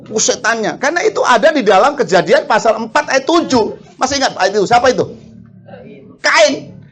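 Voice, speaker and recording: A male preacher with a very high-pitched, expressive, fairly bright voice delivers a lively sermon. He fires questions at the congregation, laughs quickly, and acts out quarrels.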